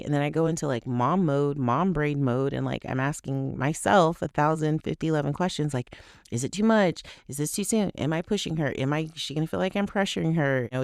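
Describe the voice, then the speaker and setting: A woman's voice: sits low, vocal fry, darkish tone, dry recording, clean studio sound. A woman in her thirties hosting a podcast, talking casually and with laughs through a personal story, often quoting herself and others. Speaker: podcast host. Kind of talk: personal reflection monologue.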